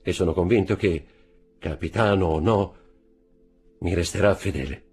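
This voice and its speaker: A man's voice: low voice, normal speed, a little mellow, husky, soft background music, heavily acted. A man reading an audiobook, voicing an earnest, hopeful young sailor who speaks eagerly and respectfully.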